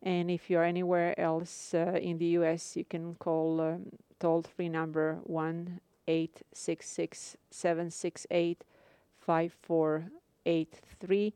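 A Croatian-accented instructor gives a live radio lecture to her students, speaking carefully and at a measured pace with frequent filler pauses. Her low, mellow, smooth voice shows little pitch movement, and the studio recording is dry and close.

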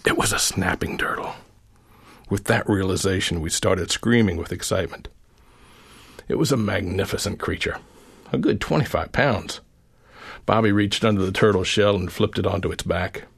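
Gravelly low-voiced man reading a memoir. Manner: quiet, measured storytelling, lifting his voice for quoted children. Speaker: essay author reading his own piece.

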